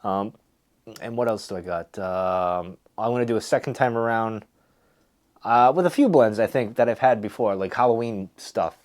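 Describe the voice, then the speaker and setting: A man's voice: fairly low pitch, normal speed, a little mellow. Man casually musing through a review. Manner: musing, hesitant, thinking aloud. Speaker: pipe tobacco reviewer hosting a video. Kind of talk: casual rambling product review.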